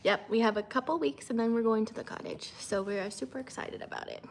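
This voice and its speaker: A woman's voice: quick pace, a little hiss or hum. A woman, chatting casually on a livestream, rambling with many fillers. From Canada. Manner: rambling with many fillers, high sing-song when coaxing her child. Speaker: vlogger and mother.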